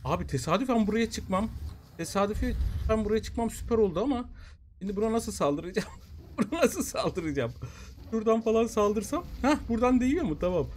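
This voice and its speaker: A young man doing jokey, excited commentary while playing a survival game, often exclaiming and repeating short phrases. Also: high voice, fast talker, a little hiss or hum. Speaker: gaming YouTuber. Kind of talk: excited Let's Play commentary.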